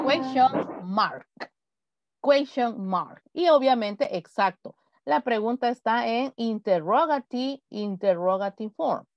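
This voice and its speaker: Slow, patient teacher woman on a video call. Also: a little high, no room sound. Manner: patient, repeats example sentences slowly. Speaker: English teacher. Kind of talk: online class instruction. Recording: dull lo-fi video call audio.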